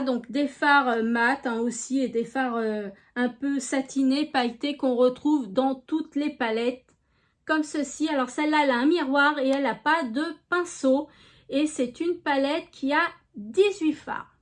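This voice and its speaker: A woman with a French regional accent chatting casually through a beauty product review, unhurried, with many fillers. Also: high voice. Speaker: beauty vlogger.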